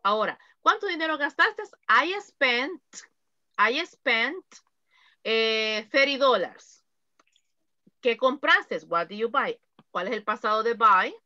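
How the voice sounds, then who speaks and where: Slow, bright-voiced teacher. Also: female voice, a little high, animated, no room sound, lo-fi sound. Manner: patient, explains slowly, repeats examples. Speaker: English teacher. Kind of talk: online class instruction.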